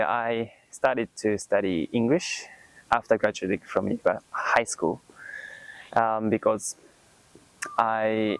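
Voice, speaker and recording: Soft-spoken young Japanese man, slow and halting. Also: lowish voice, gravelly, dry recording, rough recording. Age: 20s. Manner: hesitant, many fillers like "like" and "um". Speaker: university student guest. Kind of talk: casual interview answers.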